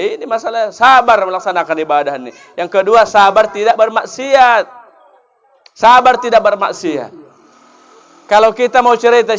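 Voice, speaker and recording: A man preaching a joking, lively sermon to women, mimicking his listeners. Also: high-pitched. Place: gathering hall.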